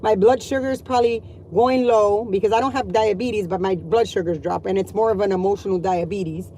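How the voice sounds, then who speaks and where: A woman's voice: mid-range voice, fairly even intonation, fairly quick, dark tone, a little hiss or hum, rough recording. A middle-aged woman and mother venting to her viewers in a blunt, profane, exasperated rant. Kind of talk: ranting vlog monologue.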